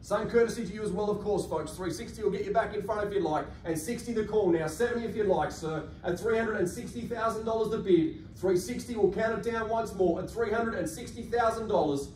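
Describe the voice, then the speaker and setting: Working a live property auction, an Australian auctioneer delivers smooth, projected patter a little fast and with hardly any pauses. His pitch is high and his tone darkish. Recorded from across a large function room, the sound is echoey and distant, with faint noise.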